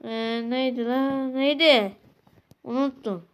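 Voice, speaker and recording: A woman with a slightly high voice plays a game and talks it through unhurriedly. She mutters to herself, restarts her sentences, and breaks into sudden excited exclamations, all in a casual, slangy commentary. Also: slow pace, clear, resonant tone, poor audio. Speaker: gaming channel host.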